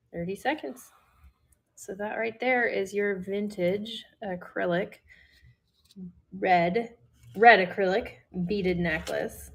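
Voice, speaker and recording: Midwestern woman host, relaxed slow livestream seller who chats to herself. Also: medium pitch, vocal fry. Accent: Midwestern American. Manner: chatty, talks to herself while listing items. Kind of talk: casual livestream selling.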